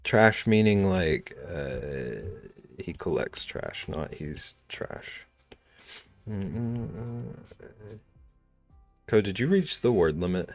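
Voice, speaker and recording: A man's voice: low-pitched, expressive, very slow, pauses often. A man streaming live while he draws, chatting casually and humming and muttering to himself as he works. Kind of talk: casual chat while drawing. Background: faint background music.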